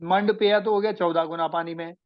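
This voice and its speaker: A man giving a slow classroom lecture, repeating and recapping each point so students can take notes. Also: sits high, fairly even intonation, dull audio. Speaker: Ayurveda teacher.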